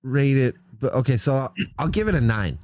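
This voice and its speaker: Animated, swearing podcast co-host man. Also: mid-range voice, fairly quick, dry recording, studio quality. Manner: animated, profane, emphatic. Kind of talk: casual movie-review chat.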